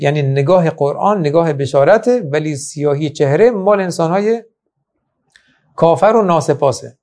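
A man's voice: a little high, darkish tone. A man teaching a Quran lesson in an emphatic manner, with many rhetorical questions. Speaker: religious teacher. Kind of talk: Quran lecture.

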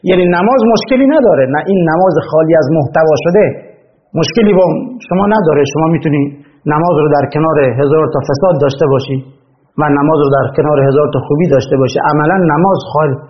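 Guy preaching a religious lecture, high voice, fired up, kinda dull lo-fi audio w faint hiss. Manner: impassioned, rising in pitch when stressing points. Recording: dull lo-fi recording with faint noise.

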